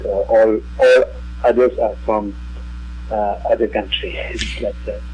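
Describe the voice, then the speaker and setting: A male musician being interviewed on radio. He has a Tibetan accent and a somewhat husky voice, and he works through his answers in halting, broken English. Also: fairly low pitch, fairly even intonation, darkish tone, muffled recording. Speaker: musician guest.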